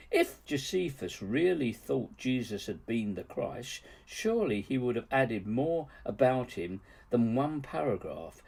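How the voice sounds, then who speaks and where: A man narrates his own argumentative nonfiction audiobook from a script, his delivery emphatic and rhetorical. His voice is gravelly and husky, medium in pitch with a darkish tone.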